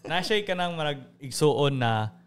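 A man's voice: on the high side, lively intonation, measured pace, clear, resonant tone. A young man hosting a casual podcast chat, talkative and laughing often, mixing English into his speech. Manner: chatty, laughs often, mixes English into Cebuano. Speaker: podcast host.

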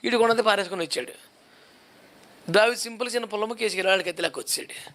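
A man's voice: sits high, very fast, fairly bright tone. A male pastor preaching a sermon, driving his points home with repeated rhetorical questions.

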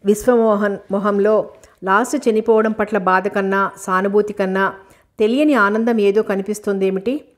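A woman reading a novel aloud as an audiobook narrator. Her pitch sits in the middle and barely moves, keeping a steady, measured pace through the story.

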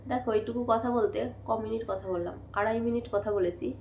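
A young woman with a Bengali accent chatting casually in a home vlog, worn out and coughing, her voice going hoarse. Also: on the high side, quick pace, roomy sound, a little hiss or hum. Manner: chatty, rambling, tired. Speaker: vlogger. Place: at home, indoors.

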